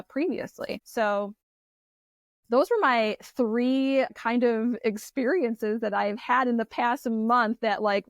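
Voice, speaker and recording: A woman therapist, a guest in an interview, telling personal stories in a candid, animated way with frequent restarts. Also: medium pitch, no room sound. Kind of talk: conversational storytelling interview.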